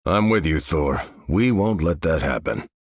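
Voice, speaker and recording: An actor with an American accent playing a noble, steadfast veteran super-soldier in a video game, speaking with earnest, measured authority. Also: male voice, extremely low pitch, lively intonation, no echo, clean studio sound, full character voice. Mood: steady, earnest. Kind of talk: video game character voice lines.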